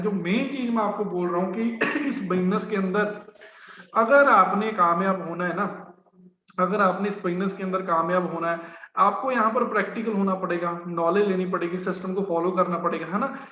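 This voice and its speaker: A man's voice: sits high, pushed and bright, slight background noise. A man gives a business training talk, speaking conversationally with many fillers. The recording is roomy and dull.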